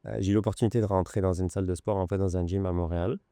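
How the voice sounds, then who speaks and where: A man in his forties from France with a Lyon accent, an interview guest telling his story in an unhurried, hesitant way. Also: sits low, steady tone, dark tone, no room sound, clean studio sound. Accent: French, from Lyon. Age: 40s. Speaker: podcast guest, luxury goods broker. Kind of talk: conversational interview. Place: podcast studio.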